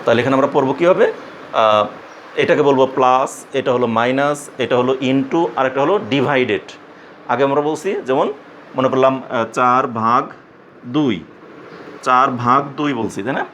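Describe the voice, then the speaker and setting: A man at a middle pitch teaches a math lesson to young students. He explains patiently, repeats himself often and stops to ask whether they follow. A faint air conditioner hum sits under his voice. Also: normal speed, a bit bright, lo-fi sound. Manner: patient, repetitive explaining with frequent fillers and questions.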